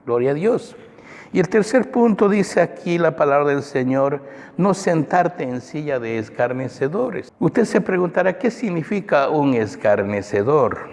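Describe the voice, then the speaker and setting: A man's voice: a little high, lively intonation, measured pace, creaky, a little mellow. A male pastor preaching a sermon in an emphatic way, often calling out to the brethren in a church. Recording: long church reverb, faint music.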